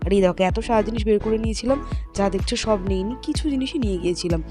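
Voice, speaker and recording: A woman's voice: mid-range voice, rapid-fire, over music. A young woman with a Bengali accent, chatting directly to her viewers in a casual travel vlog. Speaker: travel vlogger.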